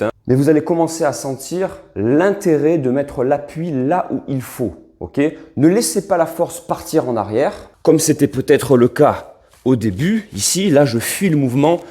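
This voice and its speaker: A male fitness coach talks through an exercise demonstration in a relaxed, chatty manner, often checking in with his listeners. His voice sits a little high for a man but sounds mellow and soft. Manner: relaxed, chatty coaching with frequent "hein" and "d'accord".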